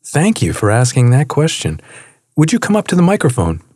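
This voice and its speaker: A calm, wise seminar coach, as a male reader puts him on, gently playful and sure of himself. He speaks in a measured, knowing way, a little higher than the narrator's own low voice. The sound is dry and close. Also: husky, no room sound. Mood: gentle, knowing. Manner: measured, knowing, pauses for effect.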